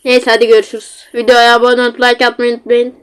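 A young-sounding woman with a slightly high voice chats through a horror game in a casual Turkish-accented ramble. She sounds flustered and pokes fun at herself while talking into a facecam mic at home. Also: completely flat delivery, fast talker, clean tone. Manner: chatty, self-mocking, easily flustered. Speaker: gamer playing a horror game. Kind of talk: casual gameplay commentary. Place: at home, seated. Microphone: facecam with built-in mic.

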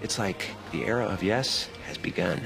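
An earnest, low-voiced friend. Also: male voice, normal speed, gravelly, music in the background. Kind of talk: film dialogue.

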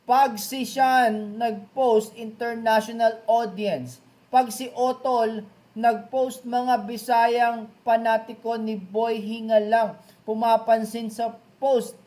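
This boxing news vlogger has an extremely high-pitched, darkish voice and speaks slowly in a level tone. Reading comments aloud, he reacts with chatty, dramatic exclamations and sprinkles in a nickname for his fans.

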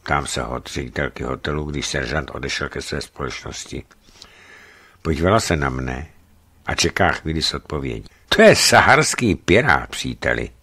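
A man calmly and expressively reading a travel book aloud for radio. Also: extremely low pitch, husky. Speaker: narrator. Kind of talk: scripted radio book narration.

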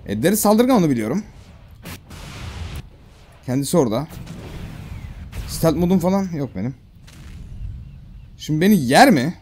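A man giving casual, excitable gameplay commentary, full of slang and talking straight to the game creatures. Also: fairly high pitch, brisk, pauses often. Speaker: gamer streaming a survival game.

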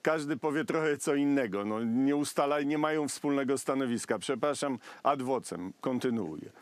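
A man with a Polish accent hosting a political discussion, measured and addressing his guests by name. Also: mid-range voice, no room sound. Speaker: talk show host.

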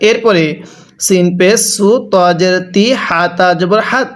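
High-voiced man slowly spelling Arabic syllables. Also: fairly even intonation. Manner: spells syllables slowly and repeats them for the learner. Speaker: Quran reading teacher. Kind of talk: slow spelling drill lesson.

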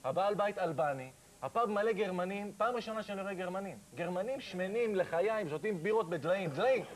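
A man telling a self-mocking comic story as a talk show guest, animated and acting out the scenes. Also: high-pitched, poor audio. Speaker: comedian guest.

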